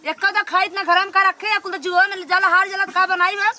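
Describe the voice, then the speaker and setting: Woman acting exasperated village wife, Awadhi accent, extremely high sharp voice, nagging, combative, comedy skit, some background noise. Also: little pitch movement, a little fast, heavily acted. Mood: furious. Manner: shrill, nagging, combative complaining.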